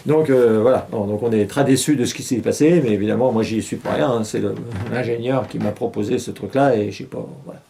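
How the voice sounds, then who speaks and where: A man's voice: mid-range voice, brisk, gravelly, few pauses, dark tone, slight background noise. A middle-aged man hosting a casual satirical news show, rambling and irreverent, with many hesitations and chuckles. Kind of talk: casual mock newscast.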